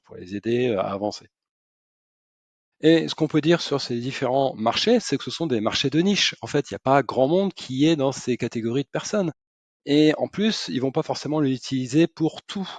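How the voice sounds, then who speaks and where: A man's voice: mid-range voice, a little mellow, dry recording. A man giving an ironic explainer monologue, sarcastic and hesitant with frequent fillers. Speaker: SEO and AI commentator.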